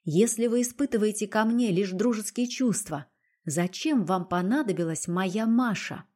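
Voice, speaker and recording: A woman's voice: mid-range voice, moderate pace, darkish tone, lightly acted. A woman voicing an emotional young noblewoman who stays dignified through tears. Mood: tearful firm. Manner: tearful yet dignified.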